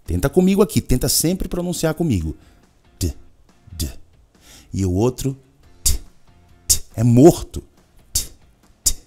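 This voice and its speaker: A Brazilian man teaching English in an energetic video lesson, with a Brazilian Portuguese accent, repeating words over and over as drills. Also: medium pitch.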